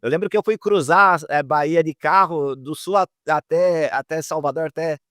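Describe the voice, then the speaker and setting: A man's voice: on the high side, moderate pace, fairly bright tone, no echo, clean studio sound. A man interviewing a guest in casual conversation, often hesitating and restarting.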